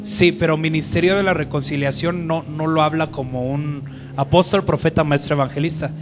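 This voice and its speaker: Man leading a casual Bible study, slightly high-pitched, music playing under him. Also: steady tone, a little fast. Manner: conversational, asks the group questions. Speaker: teacher. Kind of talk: Bible teaching.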